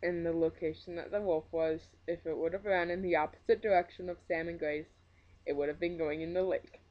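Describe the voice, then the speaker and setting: A woman's voice: on the low side, steady tone, a little fast, muffled recording. A woman with a Minnesota accent giving a casual, opinionated book review rant, emphatic, blunt and joking in her exasperation. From Minnesota, USA.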